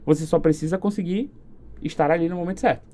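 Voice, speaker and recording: A man with a Brazilian accent, a marketing specialist chatting casually on a podcast, animated and acting out quoted exchanges. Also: a little high, fast talker. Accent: Brazilian Portuguese.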